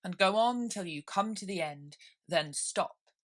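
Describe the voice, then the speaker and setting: A woman's voice: on the low side, expressive, measured pace. A woman voicing a pompous, muddled male king who presides as judge in a storybook, grave and blustering.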